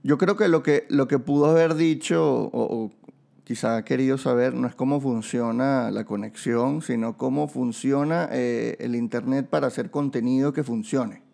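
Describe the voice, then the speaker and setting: A man's voice: mid-range voice, normal speed, vocal fry, dark tone. A Venezuelan man hosting a podcast, chatting casually and joking with his guest. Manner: playful, joking. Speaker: podcast host. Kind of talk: casual chat.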